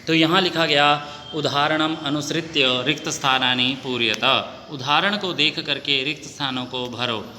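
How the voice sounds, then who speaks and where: A man teaching a Sanskrit lesson, reading questions and answers aloud in a methodical, drawn-out recitation. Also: a little high, sharp tone. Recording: long reverb, faint noise.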